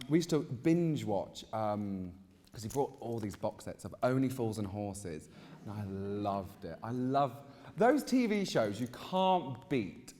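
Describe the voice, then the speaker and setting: A young British man in his mid twenties chats as a guest at a live event. His manner is campy and gushing, full of casual personal storytelling. His medium-pitched voice rings with the reverb of a hall. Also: darkish tone. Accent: British English. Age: mid 20s. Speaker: interviewed guest, drag queen gardener.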